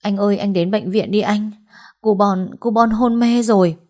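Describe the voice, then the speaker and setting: A woman's voice: medium pitch, steady tone, unhurried, mellow, pitched above the performer's own voice, close to an everyday voice. A woman reading the part of a scheming mistress who sobs and pleads in a raised voice. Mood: panicked. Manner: sobbing, pleading. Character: scheming young mistress, tearful and desperate.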